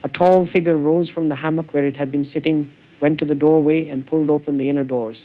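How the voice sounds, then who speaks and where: A cloned synthetic man's voice reading literary prose in a measured, brooding way, heard through a narrow phone-like band. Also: a little high, fairly even intonation.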